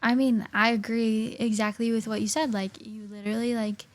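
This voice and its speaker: Her voice sits fairly high with little pitch movement and a normal speed as she talks on the podcast she co-hosts. The early-twenties woman keeps the casual chat thoughtful yet filler-heavy, often saying "like" and "literally."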